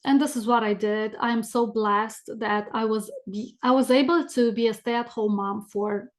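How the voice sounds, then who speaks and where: A slightly high voice with fairly even intonation belongs to a middle-aged woman whose Romanian accent is thick. As a podcast guest and business coach, she tells stories conversationally without hurrying.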